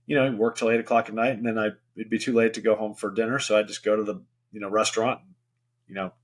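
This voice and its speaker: A man's voice: lowish voice, level tone, fast talker. A middle-aged man, a guest on a podcast, talking candidly in a casual, rambling way with lots of fillers. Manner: rambling, candid, full of "you know" fillers. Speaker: podcast guest, venture investor. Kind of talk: casual interview conversation.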